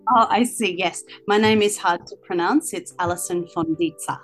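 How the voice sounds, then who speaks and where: Speaking at a normal speed in a voice on the low side, this woman answers interview questions as a guest, sharing stories from her years teaching. She is an Australian language teacher and author with a relaxed, chatty manner and plenty of ums. The low-quality recording has soft music in the background.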